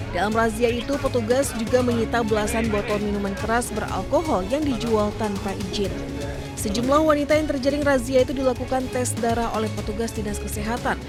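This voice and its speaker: A woman's voice: fairly high pitch, fairly quick, over loud music. A woman narrates a news report from a script.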